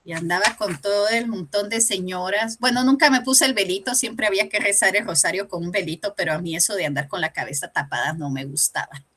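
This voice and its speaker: A woman tells her own faith story as part of a church lesson. Her voice is bright and forward, and she brings the story to life by acting out the voices of the people in it. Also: mid-range voice, a little fast, slight background noise. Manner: animated storytelling with acted dialogue. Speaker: church teacher giving a testimony. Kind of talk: personal testimony in a Bible lesson.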